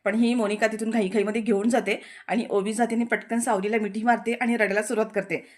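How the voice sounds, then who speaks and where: A woman's voice: on the high side, flat delivery, fast. A young woman telling a TV serial's story as a chatty voice-over recap, talking to listeners like friends.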